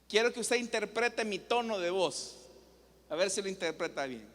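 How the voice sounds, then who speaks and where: High-voiced pastor, echoing church. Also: male voice, expressive, normal speed, a bit bright. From El Salvador. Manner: teaching, asks the congregation questions. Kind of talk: sermon. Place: church hall. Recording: long church reverb.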